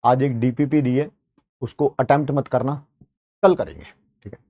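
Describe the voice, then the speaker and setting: A man's voice: medium pitch, normal speed, vocal fry, warm tone, dry recording, muffled recording. A man with an Indian accent teaching an online chemistry class in a chatty way, talking straight to his students and mixing in English terms.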